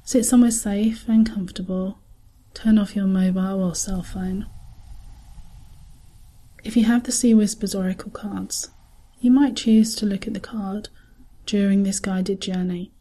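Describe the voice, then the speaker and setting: A woman with a medium-pitched voice reads a scripted guided visualisation, speaking softly, calmly and soothingly, with breathy edges and long pauses.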